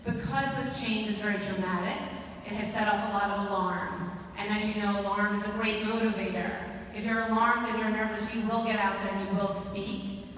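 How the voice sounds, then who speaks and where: A woman, a parent, giving earnest, measured public comment into a handheld mic in a school auditorium. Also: mid-range voice, fairly even intonation, a bit bright, a little hiss or hum. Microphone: handheld mic on a PA, filmed from the seats. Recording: echoey hall from far off.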